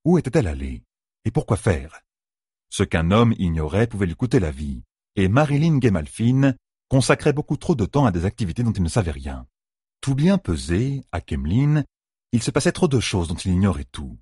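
A male audiobook narrator reads a novel with a low, slightly husky voice. His intonation swings widely and expressively. The recording is dry and close, with no room sound. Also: sing-song, moderate pace, darkish tone, dry recording. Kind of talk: scripted narration.

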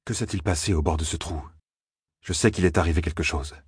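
A guarded young lord, played by a male narrator, keeping his answers short and wary. The tone is very low and husky, recorded dry. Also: fairly quick, a little mellow, no room sound.

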